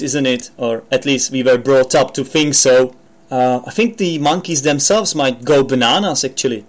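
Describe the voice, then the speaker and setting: A Czech man with a Czech accent, somewhat high-voiced, teaches English and explains idioms on his podcast. He's chatty, using lots of fillers and restarts.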